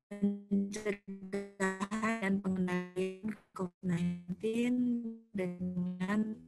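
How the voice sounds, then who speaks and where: A woman's voice: mid-range voice, flat delivery, extremely slow, loud music behind the voice. A woman presenting on an online call, her audio choppy and cutting out, with many hesitant fillers. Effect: choppy online call audio that keeps cutting out and jumping. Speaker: webinar presenter.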